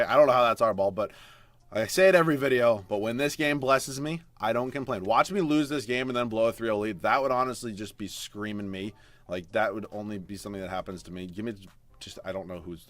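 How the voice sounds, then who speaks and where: A young man casually commentating his basketball video game as he plays, swinging from low mutters to loud swearing outbursts. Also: dry recording. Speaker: gaming streamer.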